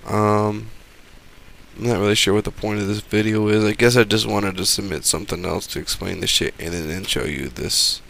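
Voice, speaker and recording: A man's voice: fairly low pitch, fairly even intonation, normal speed, creaky, fairly bright tone. A man giving casual game commentary as a voice-over, rambling, profane and sarcastic.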